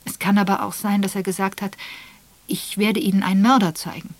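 A woman's voice: medium pitch, flat delivery, a little fast, pitched above the performer's own voice, close to an everyday voice. A woman voicing a young secretary who speaks in a raised, hesitant, apologetic way.

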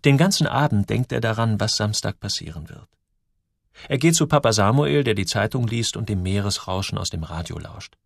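A man narrating a children's story with expressive storytelling. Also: on the low side, moderate pace, creaky, no room sound, studio quality. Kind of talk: audiobook narration.

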